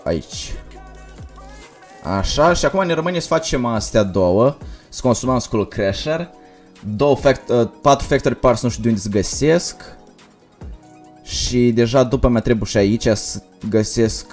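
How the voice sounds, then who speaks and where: A young man livestreaming a game, talking fast and energetically while reading out chat messages. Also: mid-range voice, a little mellow. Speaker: gaming livestreamer. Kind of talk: casual livestream commentary.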